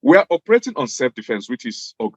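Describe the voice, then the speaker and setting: A man's voice: medium pitch, very animated, fast, darkish tone, dry recording, muffled recording. A man from Nigeria, a native Hausa speaker, speaks English with a Hausa accent in an earnest, emphatic interview style, repeating phrases for stress. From Jos, Nigeria. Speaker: interview guest, former government official.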